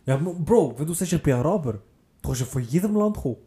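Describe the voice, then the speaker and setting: A young man chatting casually as a podcast co-host, telling stories in animated, slangy talk. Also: on the high side, fairly quick. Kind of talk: casual chat.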